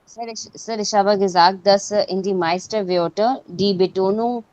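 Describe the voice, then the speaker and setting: A woman student in an online class on a video call, answering politely and addressing the teacher as sir in halting German. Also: medium pitch, steady tone, a little mellow, no room sound, lo-fi sound.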